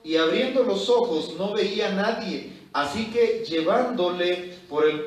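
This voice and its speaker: A man's voice: high-pitched, animated, a little slow. A man, a pastor giving a Bible study, reading scripture and commenting with exhorting asides. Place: church hall. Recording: echoey church hall from far off.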